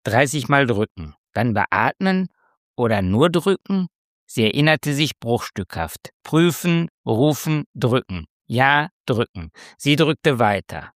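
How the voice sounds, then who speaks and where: Slow, measured man narrating a story. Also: medium pitch, sing-song, no room sound, clean studio sound. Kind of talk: scripted narration.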